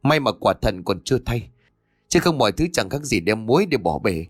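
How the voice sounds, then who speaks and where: A man's voice: lowish voice, very animated, a little fast, dry recording, clean studio sound, soft background music. A man narrator voicing a greedy, bitter younger brother who talks with contempt. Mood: contemptuous. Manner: muttering, contemptuous.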